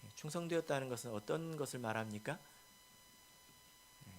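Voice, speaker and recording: A man, a pastor, preaching a sermon, asking the congregation questions and moving from soft asides to loud, emphatic lines. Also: mid-range voice, moderate pace, a little hiss or hum. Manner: asks the congregation rhetorical questions.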